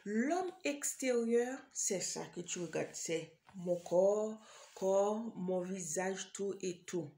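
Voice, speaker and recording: A woman from Haiti, speaking with a Haitian accent in a slow, mellow, medium-pitched voice, preaches an informal sermon directly to the listener. She's hesitant, filling her speech with fillers and repeated phrases.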